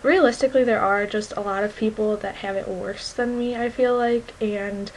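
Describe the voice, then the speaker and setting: A woman's voice: mid-range voice, steady tone, moderate pace, a little hiss or hum, low-quality recording. A twenty-one-year-old woman talking candidly to her viewers in a personal vlog, reflective and earnest, with many fillers. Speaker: vlogger.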